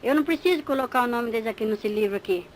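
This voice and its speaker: A woman's voice: fairly high pitch, very fast, slight background noise, close to an everyday voice, poor audio. A woman voicing a taunting male devil. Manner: taunting, mocking. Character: gloating male devil, sneering boss of demons.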